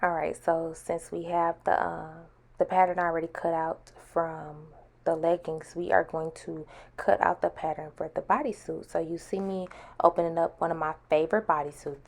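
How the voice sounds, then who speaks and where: The host of a sewing vlog gives a casual, chatty voice-over tutorial, informally calling viewers y'all. Her low, creaky voice is flat in delivery at a normal speed, and a retainer she's wearing slightly slurs her speech.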